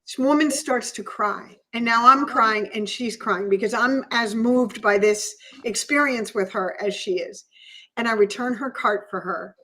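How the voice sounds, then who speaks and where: A woman with a slightly high, somewhat bright voice shares a personal story as a podcast guest. She's earnest and emotional, often restarting sentences as the memory moves her.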